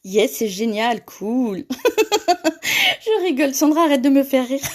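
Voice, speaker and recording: A woman's voice: high voice, darkish tone. A woman hosting a live paper-craft tutorial, chatting with viewers and laughing often as she reads their comments.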